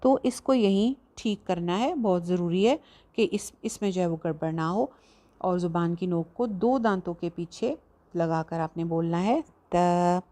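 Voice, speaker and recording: Soft-voiced woman teaching recitation. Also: on the low side. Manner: patient, demonstrates sounds slowly and repeats them. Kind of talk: tajweed lesson explaining letter sounds.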